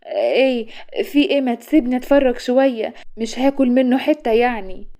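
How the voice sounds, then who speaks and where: A woman's voice: fairly high pitch, quick pace, a little mellow, natural voice. A woman with an Egyptian accent playing an anxious, protesting young woman in a spoken story. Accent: Egyptian Arabic. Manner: pleading, protesting, fretful.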